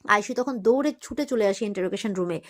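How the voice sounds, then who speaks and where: A woman recapping a TV serial episode in a casual retelling, quoting the characters' lines as she goes. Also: medium pitch. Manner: retells quickly, quoting each character's lines with light emphasis.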